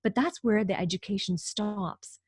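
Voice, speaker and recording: A woman from Hong Kong, a guest on a video call interview, upbeat and quick to rephrase. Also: medium pitch, slightly rough, dry recording. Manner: upbeat, laughs often, rephrases.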